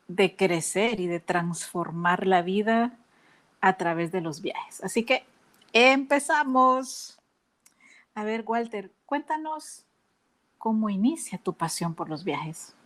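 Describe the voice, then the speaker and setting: Slow, chatty woman podcast host. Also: medium pitch. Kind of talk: casual podcast conversation.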